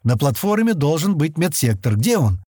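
A man's voice: fairly high pitch, very animated, moderate pace, mellow, breathy edge, dry recording, clean studio sound, voice pushed up. A man reading as a blunt, wary space hunter. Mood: terse. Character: suspicious grown man, space hunter, terse. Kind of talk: audiobook reading.

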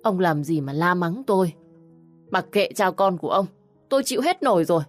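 A woman's voice: lowish voice, fairly quick, soft background music, close to an everyday voice. A woman voicing a distraught middle-aged mother in an audio story. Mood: upset.

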